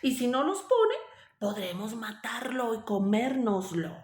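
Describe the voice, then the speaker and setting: A woman's voice: fairly high pitch, sing-song, measured pace, darkish tone. A woman voicing a ragged, scheming old woman who muses coldly, recorded in a roomy space. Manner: calculating. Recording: roomy echo.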